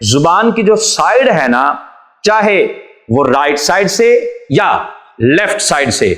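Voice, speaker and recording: Man, patient teacher, slightly high voice, echoey room, children's letter-reading lesson. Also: fairly bright tone. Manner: patient, explains each letter then draws it out slowly.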